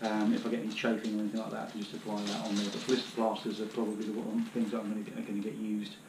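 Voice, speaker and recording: A British man in his thirties talks casually through his hiking gear, rambling and filling pauses with ums and uhs. He kneels on the floor of his living room, picked up by a camera a few metres away. The room has a roomy echo, and clear background noise runs under his voice. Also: on the low side, monotone. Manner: chatty, rambling, many fillers. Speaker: outdoor gear vlogger. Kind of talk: casual demonstration.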